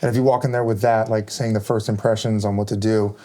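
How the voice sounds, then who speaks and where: A man's voice: on the low side, flat delivery, fast, mellow. A man on a firefighter panel, chatting casually and rambling with lots of fillers. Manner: rambling, many fillers like "kinda" and "like".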